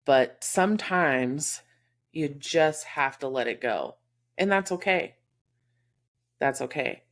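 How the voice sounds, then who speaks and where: A woman with a Texas accent and a very low, deep voice talks in an easy podcast chat. She speaks candidly and from the heart, with plenty of "um" and "you know" as she thinks aloud. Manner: candid, heartfelt, lots of fillers. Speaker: podcast co-host. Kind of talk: casual chat.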